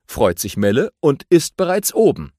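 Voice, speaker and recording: A man narrating a children's audiobook in an animated storytelling way. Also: on the high side, normal speed, no echo, clean studio sound.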